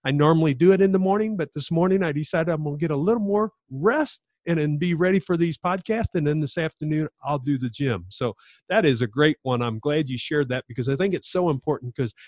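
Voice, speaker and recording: A man's voice: fairly high pitch, a little fast, a little mellow, dry recording. Upbeat male podcast host, dry sound. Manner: enthusiastic, pep-talk delivery. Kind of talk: podcast interview.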